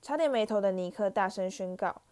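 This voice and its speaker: A woman narrating a children's fantasy audiobook in a steady storytelling manner. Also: medium pitch, brisk.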